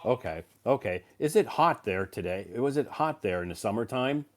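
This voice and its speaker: A man with a mid-range, animated voice hosts a casual live stream at a normal pace. He teaches English and is getting over a cold, so he rambles, using lots of fillers and frequently restarting his sentences.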